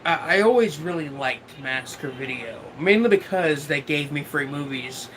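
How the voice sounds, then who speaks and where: A man livestreaming while drunk, chatting casually and haltingly as he answers viewers, often losing his thread and swearing now and then. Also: on the high side, expressive, fairly bright tone, slight background noise, low-quality recording. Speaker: livestream host.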